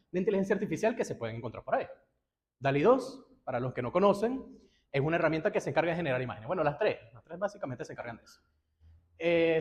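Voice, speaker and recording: A man's voice: a little high, darkish tone. A young man giving a conference talk to a live audience, telling it like a story and acting out his own reactions. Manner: casual storytelling with acted-out reactions. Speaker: guest lecturer.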